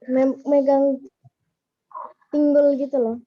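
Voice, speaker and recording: A schoolgirl answering in class, slow and hesitant. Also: sits high, little pitch movement, dry recording. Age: child. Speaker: pupil. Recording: lo-fi audio with faint noise.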